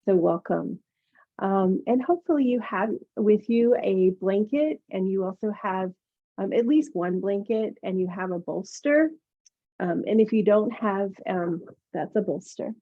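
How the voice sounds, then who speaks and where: A woman's voice: mid-range voice, animated, unhurried. A woman teaching yoga, casually talking a class through its introduction. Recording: phone-like narrow-band sound.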